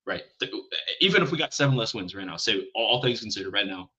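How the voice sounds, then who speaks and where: Husky-voiced man in casual sports talk. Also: lowish voice, fast talker, highs cut off. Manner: animated, hedging with restarts and self-deprecating asides. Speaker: podcast co-host.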